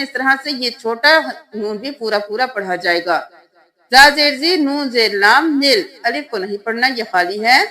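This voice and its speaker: A woman with a high, sharp-toned voice gives a tajweed lesson, spelling out letters syllable by syllable. She recites verses slowly in a drawn-out, melodic way and explains things patiently.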